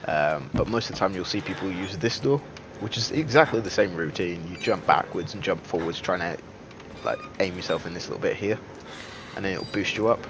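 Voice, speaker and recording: Deep-voiced man streaming a game. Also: brisk, noisy background. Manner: chatty, joking, self-deprecating, many fillers. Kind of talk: casual gameplay commentary.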